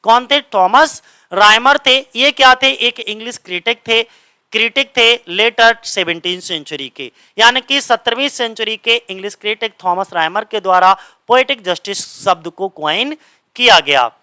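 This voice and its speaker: A man teaching English literature for exams, asking his own questions and answering them, reading English lines slowly and explaining them in Hindi. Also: sits high, lively intonation, sharp tone, clear, resonant tone, no echo. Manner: drills with repeated questions and answers. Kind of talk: exam-prep lecture.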